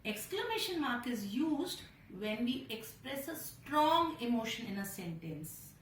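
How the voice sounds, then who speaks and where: Her pitch is fairly high and sing-song, her pace measured, as this Indian English-accented teacher patiently walks little kids through punctuation, talking to them directly. The mic sits far away in an echoey room, with a little hiss or hum.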